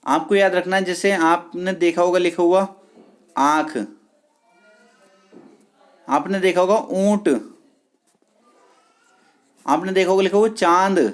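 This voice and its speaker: Patient exam-prep teacher, repeating terms. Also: mid-range voice. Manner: drills terms slowly, repeating key words and quizzing with "clear?"; addresses viewers as friends, patient and repetitive. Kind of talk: online exam-prep lesson.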